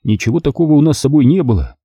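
Male narrator for an audiobook, husky and lively in pitch. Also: very fast, no room sound, dull audio. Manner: voices the soldiers in a raised pitch.

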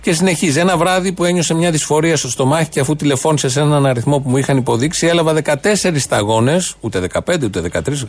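A man hosting a satirical news show, reading items in a mock-serious, sarcastic way. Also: a little high.

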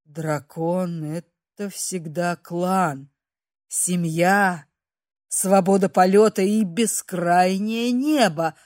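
A woman reading an audiobook, voicing a kind elderly male dragon mage who speaks slowly and gently. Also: high-pitched, dry recording, studio quality, pitched below the performer's own voice. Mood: reverent. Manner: slow, gentle, soothing.

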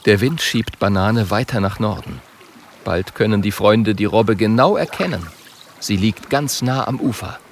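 A man calmly reading a children's storybook as narrator. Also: fairly low pitch, unhurried, a little hiss or hum.

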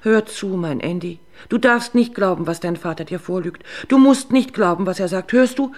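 A woman's voice: normal speed, darkish tone, close to an everyday voice. A woman doing a tearful drunken mother. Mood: pleading. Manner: tearful, pleading, rising to shrill reproach. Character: drunken, weeping young mother, desperate and clinging.

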